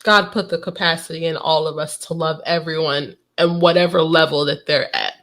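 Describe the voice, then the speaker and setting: A woman's voice: low voice, brisk, a bit bright. A pregnant young woman co-hosting a casual couple's podcast, teasing and arguing with a laugh. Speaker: podcast co-host.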